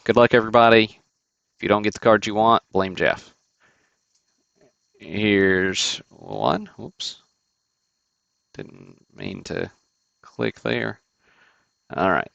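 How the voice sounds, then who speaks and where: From his desk, a deep-voiced man with a rough, gravelly voice hosts a card break livestream, chatting casually and thinking aloud as he works, full of fillers and restarts. The recording is dry, a bit bright and close-miked.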